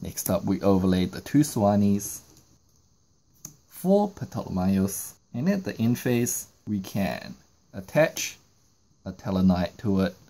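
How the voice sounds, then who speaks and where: Speaking slowly in a fairly low, dark voice with a sing-song lilt, a man explains a card game tutorial move by move. He's a YouTuber who covers trading card games.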